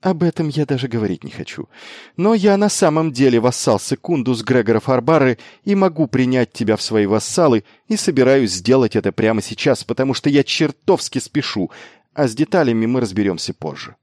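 A man voicing a brash, quick-witted young male noble commander who talks insistently and urgently. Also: low voice, a little mellow, no room sound, clean studio sound. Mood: fervent insistence.

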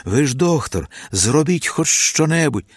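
A man's voice: a little high, very animated, unhurried, slightly rough, no room sound, pitched above the performer's own voice, full character voice. Man doing a desperate, grieving peasant man. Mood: pleading. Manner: cries out, begs, self-reproaching. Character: grief-stricken peasant man, desperate and pleading.

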